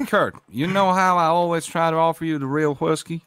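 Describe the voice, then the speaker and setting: A man's voice: on the high side, normal speed, fairly bright tone, smooth, no room sound. A man in a western roleplay, bantering in a folksy, drawling way. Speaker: roleplay player.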